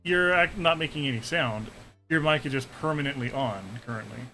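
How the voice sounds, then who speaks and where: A man's voice: a little high, brisk, pushed and bright, slight background noise. Wry man at a tabletop game. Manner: wry, narrates his character's actions.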